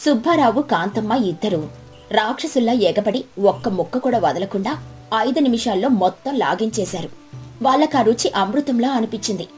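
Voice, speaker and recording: A woman's voice: on the high side, animated, normal speed, darkish tone, soft background music. Woman narrating a moral story.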